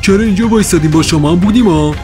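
A voice actor playing an earnest teenage boy in a dubbed kids' video drama, firm but soft-hearted. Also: mid-range voice, faint music behind, lightly acted.

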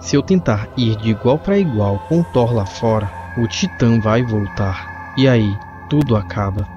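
A man's voice: on the low side, a little slow, lightly acted. A man reading as an earnest genius scientist. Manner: read plainly in the narrator's own voice. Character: stubborn genius male scientist, tense. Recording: muffled lo-fi with faint music.

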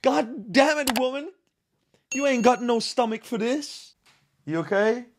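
A man's voice: extremely high pitch, a little slow, a little hiss or hum. A man, hosting a movie reaction, exclaiming and laughing often. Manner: excitable, exclaims a lot. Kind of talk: casual reaction chat.

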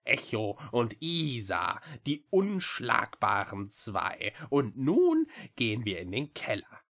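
A man voicing an old female witch-like creature in a storybook reading, slow, drawling and theatrical. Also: mid-range voice, wildly swooping pitch, a bit bright, exaggerated voice. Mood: triumphant.

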